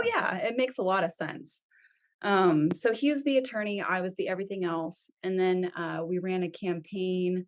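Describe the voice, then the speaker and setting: Upbeat woman with a lowish voice. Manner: upbeat, laughs easily. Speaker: social media specialist. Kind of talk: casual podcast chat.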